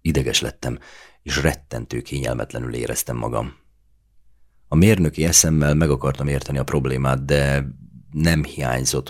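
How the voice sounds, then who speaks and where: A man narrating a novel in the first person as an audiobook, reading in a measured, even way. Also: rumbling low.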